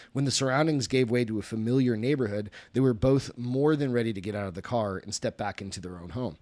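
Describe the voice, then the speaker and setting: A man's voice: medium pitch, darkish tone, no echo. A man, host of a podcast, reading a story aloud in a casual way, often stopping to correct himself.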